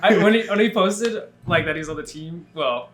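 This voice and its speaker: An upbeat young man hosts a casual podcast chat in a slightly high voice and laughs often. The room around him rings with echo. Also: normal speed, crowd noise. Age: young adult. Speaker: podcast host. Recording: echoey room.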